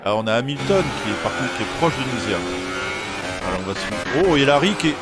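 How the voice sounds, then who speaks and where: A man works as a casual live motorsport commentator on a racing stream, calling overtakes and cutting his sentences short as things change. His voice sits at a middling pitch, with loud music and engine noise underneath. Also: big pitch swings, a little fast. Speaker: sim racing livestream commentator. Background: loud music, racing car engines.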